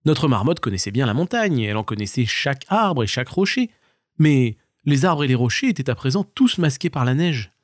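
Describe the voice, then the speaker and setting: A man reading a children's bedtime story in a gentle, measured way, with a lively voice that rises and falls freely. The sound is close and completely dry, with no room echo. His pitch sits in the middle.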